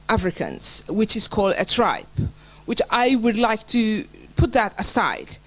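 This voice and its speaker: Middle-aged woman panelist, earnest and halting, pausing often as she searches for words. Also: mid-range voice, low-quality recording. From Somaliland. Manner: hesitant, many fillers and restarts, earnest. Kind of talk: panel speech.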